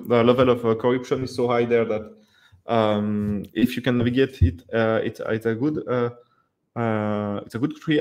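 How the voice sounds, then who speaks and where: Speaking in a somewhat dark, medium-pitched voice, a livestream host in his thirties fields viewer questions during a live webcam Q&A. He chats casually, with many fillers and false starts. The recording comes from a dim indoor room via a headset or desk mic, with webcam framing.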